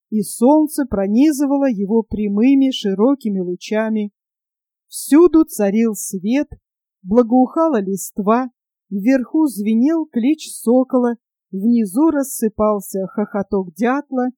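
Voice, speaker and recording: A woman narrating a storybook in an expressive, measured way. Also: on the high side, no echo.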